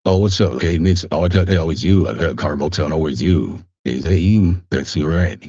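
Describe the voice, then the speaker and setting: A man with an extremely low, gravelly voice and a husky edge. He chats casually between passages and reads his own novel slowly and deliberately. The sound is dry and dull, like a lo-fi home recording. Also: mellow, no room sound. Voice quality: deep gravelly. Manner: casual and profane, slow deliberate reading. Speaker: amateur novelist. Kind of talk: casual chat and reading his own book aloud.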